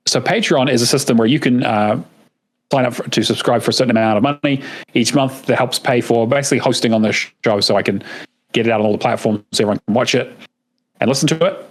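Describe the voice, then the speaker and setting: A man's voice: medium pitch, fast talker. A man co-hosting a gaming podcast in casual chat, rambling with many fillers and restarts and swearing freely. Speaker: podcast co-host.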